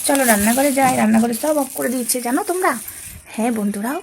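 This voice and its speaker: High-voiced woman chatting quietly at home. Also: animated, rapid-fire. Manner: chatty, addresses viewers as friends; talking quietly so as not to disturb. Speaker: home vlogger. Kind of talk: casual chat to viewers. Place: home kitchen at night. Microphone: phone.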